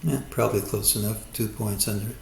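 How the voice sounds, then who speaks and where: Going over a stock chart, a man with a darkish, lowish voice sets out his market prediction in a deliberate, hedging manner that covers all the options. His intonation stays fairly flat and carries vocal fry. Echo from the room and a faint hum sit behind him.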